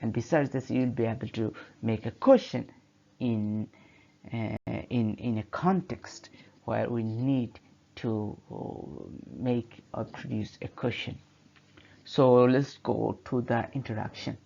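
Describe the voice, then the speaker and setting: Here is a male teacher whose first language is Bengali, explaining grammar over slides in a middle-pitched voice. He hesitates often and restarts his phrases. The audio is somewhat dull and lo-fi. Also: takes it slowly, gravelly, mellow. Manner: hesitant, many fillers and restarts. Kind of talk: narrated slideshow lecture.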